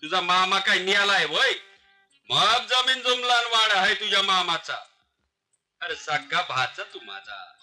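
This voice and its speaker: An actor playing a loud, scolding village uncle, in an old film scene. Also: male voice, high voice, sing-song, a little slow, faint music behind, heavily acted. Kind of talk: 1970s film acting.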